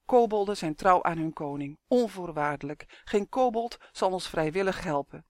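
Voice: medium pitch, lively intonation, no echo, studio quality, lightly acted. The reader doing a timid, cautious gnome. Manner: cautious, halting speech. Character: timid, wary old gnome, kind-hearted. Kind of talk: audiobook character voice.

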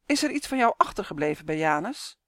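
A woman voicing a blunt fisherwoman who asks sharp, probing questions. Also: sits low, sing-song, fairly quick, no echo, clean studio sound.

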